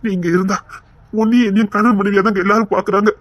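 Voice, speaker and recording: A man playing a rough but remorseful husband who earnestly begs his wife to leave, in an audio drama. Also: high-pitched, flat delivery, rapid-fire, fairly bright tone. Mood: pleading. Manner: earnest, pleading, sorrowful. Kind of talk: Tamil audio story acting.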